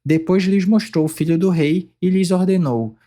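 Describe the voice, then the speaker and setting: A man reads scripture aloud in a warm, mellow voice that sits a little high for a man. His delivery is steady and measured, with clear pauses between phrases. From Brazil. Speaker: Bible reader.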